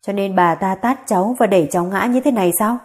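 A woman's voice: medium pitch, quick pace, darkish tone, close to an everyday voice. A woman voicing a stern, commanding elderly grandfather in a spoken story.

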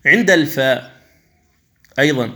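A man teaching Quran recitation. He explains each rule slowly and carefully, then stretches the examples out into chanted recitation, and sometimes contrasts a wrong reading with the right one. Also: a little high, sharp tone.

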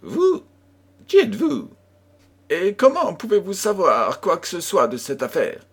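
A man reading an audiobook and voicing a small, nervous, pleading man who talks in a high, trembling way. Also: lively intonation, a little slow, fairly bright tone, husky. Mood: alarmed.

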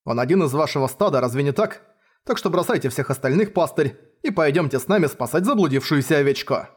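A man reading a calm, resolute man. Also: on the high side, fast talker, breathy edge. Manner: calm and direct. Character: calm, resolute male speaker.

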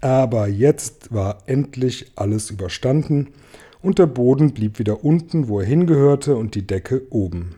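A man reading a children's book aloud in a lively, expressive storytelling manner. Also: mid-range voice, normal speed. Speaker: reader.

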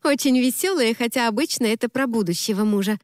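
A woman voicing a lively, bossy young woman who teases her friends in an audiobook. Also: a little high, fast, no echo, clean studio sound, lightly acted. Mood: playful. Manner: exclaiming, brash, mock-scolding.

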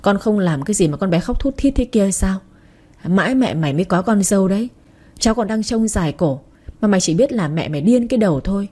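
A woman's voice: medium pitch, lively intonation, warm tone, slightly rough. A woman voicing an older mother scolding her son in a read-aloud story. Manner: scolding, rapid tirade. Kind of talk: audiobook character reading.

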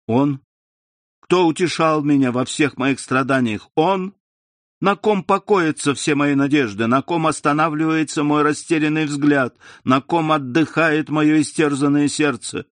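Pleading young heroine a male reader puts on, raised pitch, emotional imploring delivery, audiobook. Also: a little slow, dry recording, lightly acted. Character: young woman in love, pleading and desperate.

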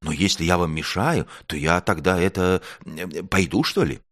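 A man's voice: deep voice, lively intonation, moderate pace, a bit bright, no echo, studio quality. A man voicing a bashful little wolf cub in a storybook, mumbling and hesitant. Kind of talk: storybook reading.

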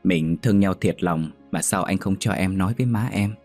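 A man's voice: deep voice, normal speed, faint music behind, lightly acted. A man reading a story, voicing a shy young woman in love who speaks hesitantly. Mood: anxious. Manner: hesitant, soft.

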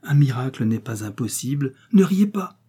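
A gentle, puzzled young mother in a storybook reading, voiced by a male narrator, soft and hesitant. The timbre stays husky and mellow. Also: mid-range voice, expressive, normal speed. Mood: perplexed.

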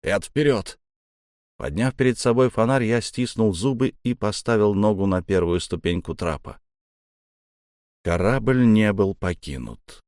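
Casting: man with a low voice narrating a dark audiobook, measured, dry studio sound. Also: dry recording. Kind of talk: first-person audiobook narration.

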